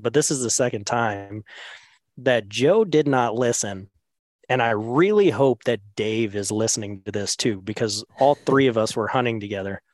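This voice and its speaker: A man tells a story in a casual, loose way, full of fillers, and he laughs at his own anecdote. His voice sits at a middling pitch and is recorded dry and close, with no room sound. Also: no echo.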